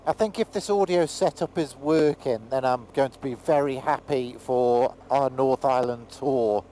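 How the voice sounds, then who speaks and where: A motorbike travel vlogger with a New Zealand accent jokes and teases casually while riding outdoors. He speaks a little slowly in a dark, mid-range voice, recorded through his helmet over engine and road noise.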